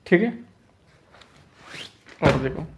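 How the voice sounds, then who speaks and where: A man teaching spelling in a lesson, repeating each word slowly and checking in with the listener. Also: fairly high pitch, animated, noisy background.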